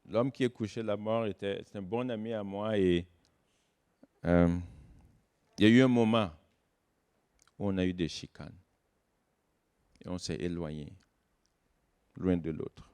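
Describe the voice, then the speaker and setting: Man preaching a sermon, swings from loud stresses to hushed asides, slows on key words. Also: low-pitched, clean tone. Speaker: guest pastor.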